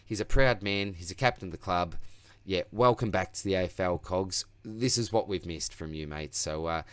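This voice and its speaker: An Australian man who hosts his own fantasy football channel reviews his team in a casual solo video, chatty, rambling and self-mocking as his voice grows tired. His voice is low-pitched, smooth and fairly bright, at a normal speed, with no room sound.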